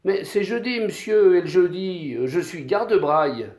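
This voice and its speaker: A man voicing a clever ten-year-old peasant boy who answers in calm, cheeky riddles, in a voice raised above his own. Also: sits high, unhurried, pitched above the performer's own voice. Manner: matter-of-fact, cheeky riddling replies. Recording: echoey room.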